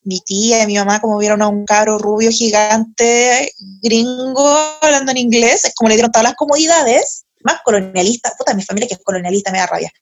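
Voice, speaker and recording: A woman's voice: on the high side, fairly quick. Slangy young Chilean woman telling a story. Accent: Chilean Spanish. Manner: animated, slangy and profane, laughing often. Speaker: podcast host. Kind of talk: casual storytelling chat.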